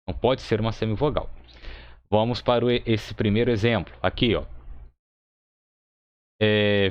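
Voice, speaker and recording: A man's voice: mid-range voice, no room sound. A man teaching Hebrew grammar in a recorded online lesson, explaining patiently and checking in with "tá?" after each point. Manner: explains patiently, says "tá?" often, thinks aloud with fillers.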